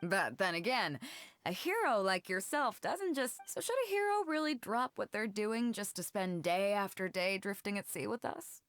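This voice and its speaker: An actress playing a bold, easygoing female ship captain who speaks in a relaxed, commanding way in a video game. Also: mid-range voice, moderate pace, no echo. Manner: relaxed, commanding, warm toward her crew. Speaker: fleet captain.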